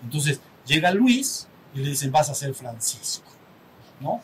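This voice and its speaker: The audio is poor, with a faint rumble behind a very animated, unhurried man. He is a Mexican-accented spiritual teacher chatting with a small group, asking for their assent and acting out small dialogues.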